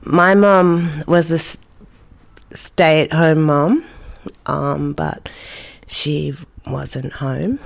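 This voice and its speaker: An Australian woman, a mother of two, answering interview questions in a halting way with many fillers and pauses. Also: lowish voice, creaky, darkish tone. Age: adult, mother of two. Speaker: interview guest. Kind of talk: casual interview.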